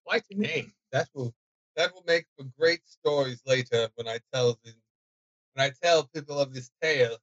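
A man's voice: mid-range voice, moderate pace, fairly bright tone, no echo, lightly acted. A man playing a polite, bold male bard who asks careful questions. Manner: courteous, inquisitive. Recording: dull lo-fi recording.

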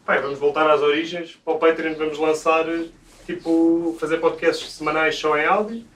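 A man's voice: a little high, steady tone, moderate pace, a bit bright, a little hiss or hum. A young man with a European Portuguese accent, co-hosting a podcast and struggling to keep a straight face. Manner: giggly, struggling to stay serious. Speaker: podcast co-host. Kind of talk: casual chat among friends. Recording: echoey room, distant mic.

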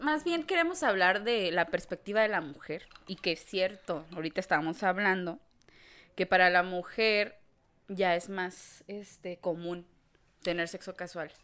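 A woman's voice: lowish voice, moderate pace. A young woman with a Mexican accent, co-hosting a casual chat in a frank, crude way. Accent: Mexican Spanish. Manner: frank, crude, bursts into loud laughter. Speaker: podcast co-host.

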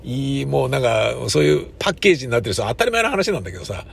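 A man's voice: medium pitch, big pitch swings, rapid-fire, creaky, breathy edge. Wistful man telling stage memories. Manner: wistful storyteller who acts out quoted lines. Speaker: stage actor. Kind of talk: casual spoken reminiscence.

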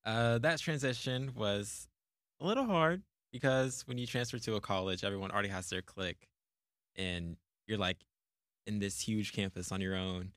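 A man's voice: lowish voice, normal speed, a bit bright, no room sound, clean studio sound. A young man in his twenties, speaking in an easygoing way as a student guest in a casual chat. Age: 20s.

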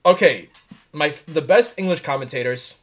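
Animated, cursing young man ranting. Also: fairly high pitch, moderate pace. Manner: animated, profane, opinionated ranting. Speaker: podcast co-host. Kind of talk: casual chat.

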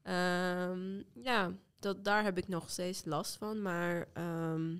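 A woman's voice: fairly low pitch, fairly even intonation, slow, fairly bright tone, clean tone. A woman from Iran who speaks Dutch, hesitant and searching for words in a casual talk. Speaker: guest in a panel talk. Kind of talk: casual chat.

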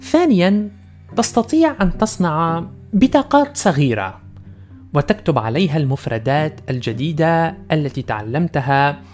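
A man's voice: fairly high pitch, big pitch swings, normal speed, a little mellow, faint music behind. A man hosting a language podcast, presenting a scripted lesson in carefully enunciated formal Standard Arabic and in English.

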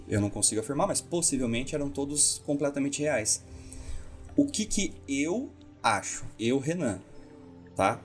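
A man telling stories as a hypnotherapist guest in a casual podcast talk, acting out the voices he quotes. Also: mid-range voice. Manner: animated, acts out the voices he quotes.

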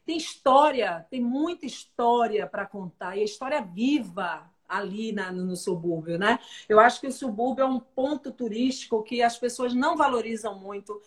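A woman's voice: on the high side, moderate pace, hardly any pauses. A woman from Salvador, hosting an interview and speaking with emphatic enthusiasm. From Salvador, Bahia, Brazil. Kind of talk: casual interview chat.

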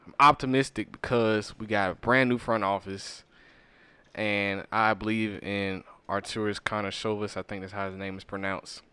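A man with a lowish voice talks in a laid-back, upbeat way, laughing easily. The sound is dry and close, with no room around him. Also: little pitch movement, moderate pace, pushed and bright, clear, resonant tone, dry recording. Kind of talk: casual chat.

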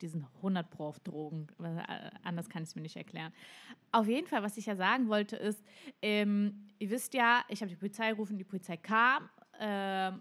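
A woman co-hosting a casual podcast, telling a story animatedly and dropping English phrases. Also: mid-range voice. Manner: animated storyteller, mixes in English phrases, quotes others dramatically. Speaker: podcast co-host.

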